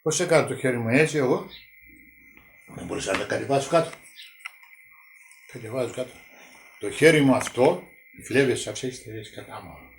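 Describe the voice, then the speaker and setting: A man, telling his wartime memories in a halting, repetitive way during an oral history interview at home. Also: medium pitch, animated. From Greece. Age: 90s. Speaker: witness interviewee. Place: village home indoors. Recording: echoey room with faint noise.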